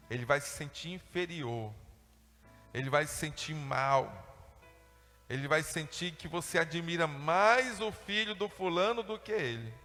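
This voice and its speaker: Preacher guy, high voice, acts out little family scenes, big echoey hall w faint music. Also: bright, forceful tone. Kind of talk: sermon.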